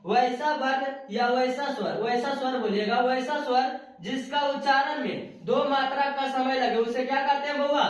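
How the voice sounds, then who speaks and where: A man's voice: very high-pitched, fairly even intonation, normal speed, hardly any pauses. Guy teaching, keeps asking and answering himself, far off in a really echoey room. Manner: repetitive question-and-answer drilling, affectionate. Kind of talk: spoken video lesson. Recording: very echoey room, far from the mic, dull sound.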